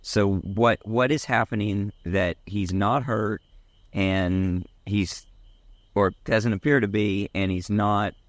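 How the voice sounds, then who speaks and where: A man's voice: on the low side, steady tone, slow, no echo. A man co-hosting a casual sports podcast, musing aloud with hesitant restarts. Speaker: podcast co-host.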